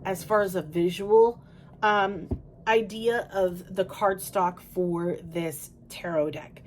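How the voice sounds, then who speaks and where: A woman's voice: mid-range voice, a little hiss or hum. A woman reviewing a tarot deck in a casual, chatty way, talking straight to her viewers and correcting herself as she goes. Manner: chatty, self-correcting, talks to viewers directly. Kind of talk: casual review and flip-through.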